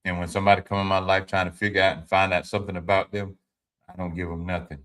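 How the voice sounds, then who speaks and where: Low-voiced 50s guy, bright punchy tone, preaching life advice on his stream, says stuff twice. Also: flat delivery, fast talker. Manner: informal and preachy, repeats his points; speaks to viewers directly, answers chat. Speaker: livestream host. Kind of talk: motivational talk to a live audience.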